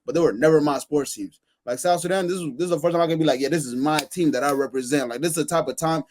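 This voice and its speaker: Fast-talking excited man telling stories. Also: a little high, a little hiss or hum. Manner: excited, rapid storytelling with many restarts and fillers. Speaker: podcast panelist. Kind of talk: casual chat.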